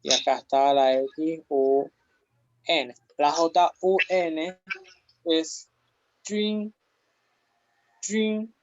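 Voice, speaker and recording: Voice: mid-range voice, extremely slow, dry recording. A language teacher running a pronunciation drill, patiently repeating each syllable several times. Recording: muffled lo-fi audio.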